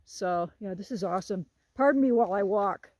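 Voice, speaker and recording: A woman in her sixties walks a hilltop trail with a group, phone in hand, chatting casually to the camera. She speaks at a medium pitch, fairly quickly, with a darkish tone, joking and laughing often; there's no echo.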